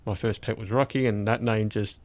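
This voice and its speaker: Here a fairly low male voice talks fairly quickly with mostly even intonation, his toothless speech soft at the edges. He's an Australian podcast host chatting casually and rambling through explanations from behind a face mask, and the sound quality is dull and lo-fi.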